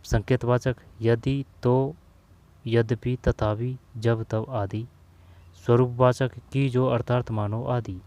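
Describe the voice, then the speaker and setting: A male teacher works through a grammar lesson, reading out lists of words and repeating key terms to drill them in. He talks at a very slow, deliberate pace, now and then urging his listeners to memorize. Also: mid-range voice, steady tone, mellow.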